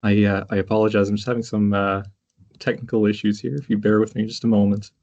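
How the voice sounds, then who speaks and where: A man giving a halting online conference presentation, hesitant and constantly pausing with uhs. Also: fairly low pitch, level tone, a little mellow. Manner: hesitant, very frequent uhs and pauses. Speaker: conference presenter from a justice charity. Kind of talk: halting presentation on a video call. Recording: dull, lo-fi online call audio.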